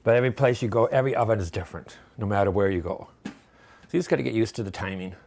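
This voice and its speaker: A man's voice: on the low side, very fast, creaky, darkish tone, a little hiss or hum. Chatty man demonstrating a recipe at home. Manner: chatty, rambling, folksy. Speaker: home cooking vlogger.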